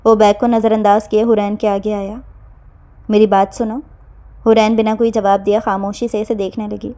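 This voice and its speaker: A woman narrating a romance novel in a steady, expressive storytelling voice. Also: mid-range voice. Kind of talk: scripted audiobook narration.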